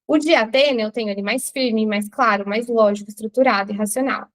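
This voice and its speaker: High-voiced Brazilian woman teaching a class. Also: brisk. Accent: Brazilian Portuguese. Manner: explanatory, addresses students directly with rhetorical questions. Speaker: branding teacher. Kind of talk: recorded online class.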